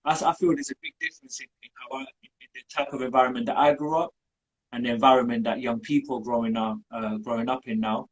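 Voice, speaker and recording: A man's voice: mid-range voice, steady tone, fast talker, low-quality recording. A young man from Colombia, talking in a casual interview with many fillers and restarts. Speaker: community group founder.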